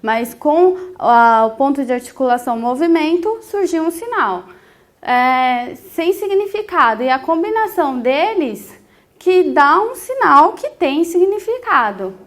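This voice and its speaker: High-voiced woman teaching a class. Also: very animated, unhurried. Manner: patient, explanatory, with frequent 'é' fillers. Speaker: sign language teacher. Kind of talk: spoken lesson explanation.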